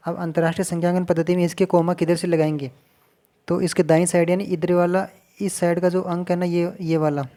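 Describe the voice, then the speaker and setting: Male teacher, patient, counts out loud step by step, warm mellow tone. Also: a little high. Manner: patient, repeats and counts digits aloud slowly. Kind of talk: casual classroom explanation at a board.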